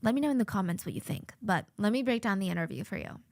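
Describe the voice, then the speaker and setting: A woman hosting a true-crime podcast, giving casual, opinionated commentary with drawn-out hushed asides. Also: mid-range voice, big pitch swings, vocal fry, no room sound, studio quality. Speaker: podcast host.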